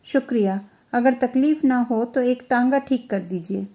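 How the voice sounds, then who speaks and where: A woman's voice: fairly high pitch, a little slow, dark tone, natural voice. A woman voicing a polite, worldly older female companion.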